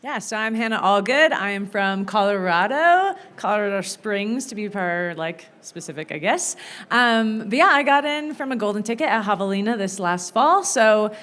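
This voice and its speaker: A woman with a mid-pitched voice, laid-back and casual as she introduces herself on a panel. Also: lively intonation, moderate pace, a bit bright. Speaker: panel guest, runner.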